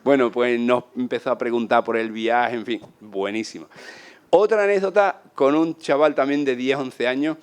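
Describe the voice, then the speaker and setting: A man from Spain with an Andalusian accent, telling travel anecdotes in a casual, animated way and acting out the voices of people he met. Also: mid-range voice, moderate pace, clear, resonant tone. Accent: Andalusian Spanish. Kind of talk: casual storytelling talk.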